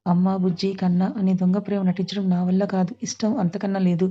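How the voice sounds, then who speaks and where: A cold young husband from a storybook, curt and dismissive, read by a woman without changing her voice. He speaks flatly and keeps things short. The sound is slightly dull and muffled. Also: medium pitch, fairly quick, breathy edge, natural voice.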